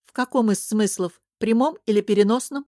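A woman reading an audiobook who voices a proud young princess, sharp, sarcastic and impatient. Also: a little high, a little fast, no echo, studio quality, pitched above the performer's own voice, natural voice. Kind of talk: audiobook character voice.

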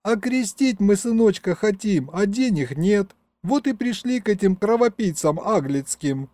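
A man's voice: sits high, animated, very slow, warm tone, dry recording, pitched above the performer's own voice, exaggerated voice. A man voicing a tearful young peasant mother who speaks in a plaintive, sobbing way.

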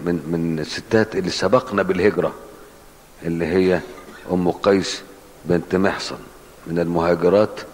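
A man's voice: low voice, darkish tone. A man with an Egyptian Arabic accent teaching hadith in a colloquial, explanatory way and asking his class questions. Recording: long hall reverb.

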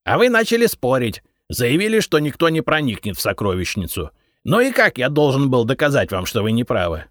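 A man's voice: medium pitch, wildly swooping pitch, a little fast, few pauses, no echo, studio quality, voice pushed up. A man voicing a brash, smug male treasure-finder who argues defiantly and raises his voice, in an audiobook. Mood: defiant, cocky. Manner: defiant, argumentative. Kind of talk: audiobook character reading.

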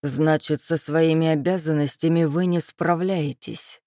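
A woman reading a storybook, voicing a cold, menacing man who purrs low and then barks orders. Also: steady tone, measured pace, darkish tone, no echo, clean studio sound. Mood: cold interrogating. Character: cold, menacing man, a powerful boss's right hand.

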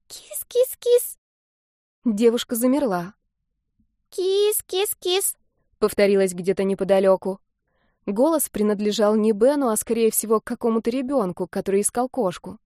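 On a close studio mic with a dry recording, a woman with a medium-pitched voice narrates an audiobook. Her storytelling is measured and even.

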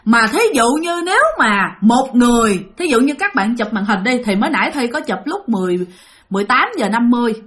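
A woman retelling a ghost story, acting out the voices of family members and dropping to a hush for the eerie parts. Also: brisk. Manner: lively, acts out family members' quoted voices; drops to a hushed low voice for eerie parts.

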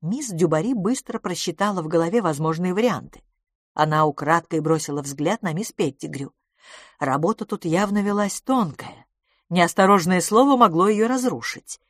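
Woman narrating with a dry, low voice. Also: normal speed, no room sound. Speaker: audiobook narrator. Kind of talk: scripted narration.

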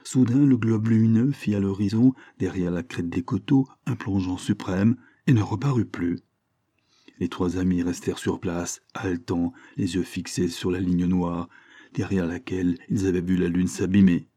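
A man reading a literary short story aloud in a measured, expressive storytelling manner. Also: sits low, no echo. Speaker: reader.

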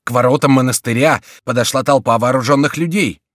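A man voicing a stout, bold male nobleman who shouts urgently and defiantly. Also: medium pitch, fairly quick, no room sound, clean studio sound, pitched above the performer's own voice, close to an everyday voice. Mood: breathless.

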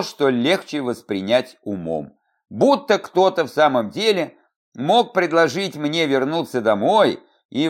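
A man narrating a first-person fantasy audiobook in a wry, ironic manner. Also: mid-range voice.

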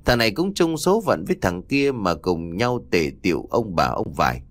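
A man's voice: deep voice, sing-song, moderate pace, no echo. A man narrating a ghost story with dramatic storytelling.

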